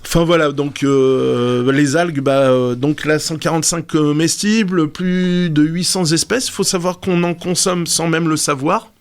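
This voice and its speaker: Male radio presenter, fry in the voice, casual, hesitant and full of fillers. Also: fairly high pitch, steady tone, a little slow, few pauses. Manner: hesitant, explanatory, many fillers. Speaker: radio segment presenter on marine plants.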